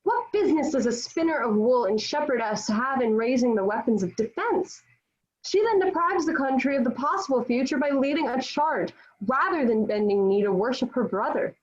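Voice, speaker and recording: A woman's voice: high-pitched, animated, moderate pace. Woman playing devout Joan of Arc, muffled recording. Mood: defiant, scornful. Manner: formal archaic phrasing, declamatory. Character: defiant, devout young Joan of Arc awaiting execution. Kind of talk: dramatic table read of historical play. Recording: dull lo-fi virtual-meeting audio.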